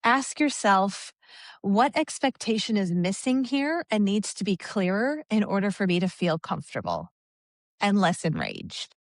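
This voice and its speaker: A woman's voice: mid-range voice, big pitch swings, measured pace, dry recording, clean studio sound. A woman co-hosting a podcast, chatting in an upbeat, encouraging way about workplace leadership. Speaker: podcast co-host. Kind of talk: casual podcast chat.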